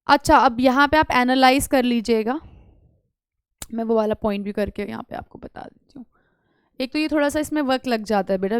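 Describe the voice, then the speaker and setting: A woman teaching an English exam lesson online, mixing Hindi and English and coaxing students with quick questions. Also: high voice, clean tone, no room sound, clean studio sound.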